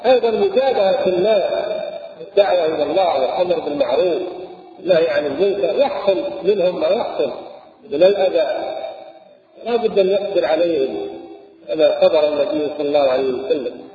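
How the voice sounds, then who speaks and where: A man giving a measured religious lesson, explaining and quoting scripture. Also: a little high. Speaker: Islamic scholar. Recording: echoey hall, tinny phone-like audio.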